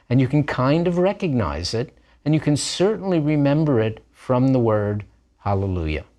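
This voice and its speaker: A man's voice: medium pitch, darkish tone. A man teaching a language lesson, explaining letters patiently and step by step. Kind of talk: recorded lesson narration.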